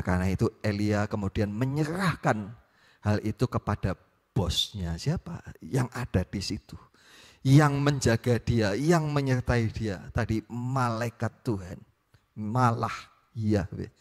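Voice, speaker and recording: A male preacher, reading scripture and teaching with frequent questions to his listeners. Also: lowish voice. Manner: questioning, repeats "ya" often. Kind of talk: Bible reading and sermon. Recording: echoey hall.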